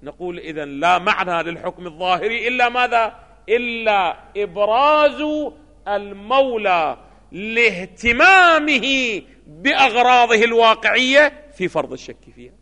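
A man's voice: high-pitched, lively intonation, normal speed, bright, forceful tone. A man giving a seminary lecture, often stopping to ask his students rhetorical questions. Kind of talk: classroom lecture. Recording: long hall reverb.

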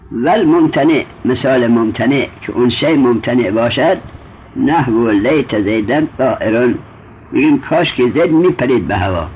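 A man's voice: mid-range voice, a little hiss or hum. A man teaching a traditional Arabic grammar lesson, explaining step by step and quizzing his student as he goes. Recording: muffled lo-fi recording.

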